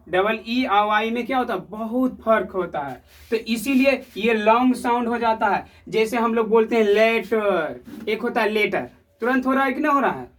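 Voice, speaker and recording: A man teaching English sounds to a class, repeating words and asking the pupils questions again and again. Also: sits high. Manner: repetitive, quizzing the class with questions. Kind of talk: classroom lesson. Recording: voice heard from a distance.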